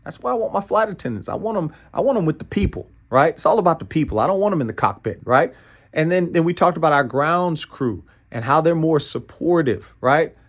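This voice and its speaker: Pitched on the high side, his voice is expressive and brisk with a breathy edge. An American man delivering a motivational training talk, he keeps it emphatic and playful, repeats phrases, often asks "right?", and chuckles through playful asides.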